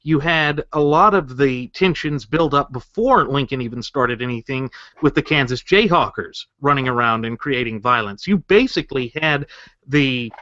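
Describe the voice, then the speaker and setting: An earnest man co-hosts a political talk show and argues his case point by point. He sits at a middling pitch and leans on rhetorical questions. The recording is dry and close, with dull, muffled lo-fi sound. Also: pushed and bright, dry recording. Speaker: co-host.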